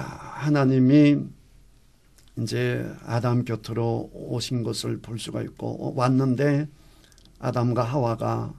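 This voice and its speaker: Man, pastor, gravelly voice, lively Bible class teaching, questions to the class. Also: medium pitch. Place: church classroom.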